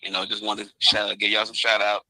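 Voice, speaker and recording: A man's voice: fairly low pitch, completely flat delivery, a little fast, bright, forceful tone, slight background noise. Young man, muffled as if through a wall. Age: young adult. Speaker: caller. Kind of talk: casual call-in greeting.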